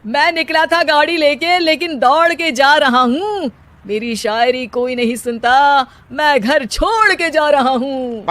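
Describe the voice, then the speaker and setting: Woman playing a cocky idle poet husband, high-voiced. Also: unhurried, fairly bright tone, dry recording. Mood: showy, defiant. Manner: theatrical, declaiming in rhymed couplets. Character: idle, cocky young husband obsessed with silly rhyming poetry.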